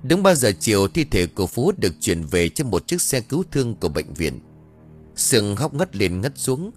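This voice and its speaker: A man narrating an audiobook story in a dramatic, expressive way. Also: fairly low pitch, moderate pace, soft background music.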